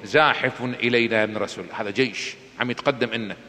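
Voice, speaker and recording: A man voicing a grave male companion in a sermon, dropping to a low, hushed tone to warn of an approaching army. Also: steady tone, very fast, natural voice. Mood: alarmed. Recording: long hall reverb.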